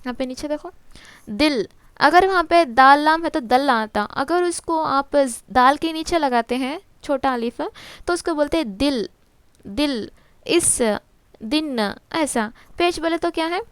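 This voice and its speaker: A woman's voice: high-pitched, a bit bright, dry recording. A woman teacher walks through a textbook lesson, asking and answering her own questions and mixing in English terms. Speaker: exam-prep teacher.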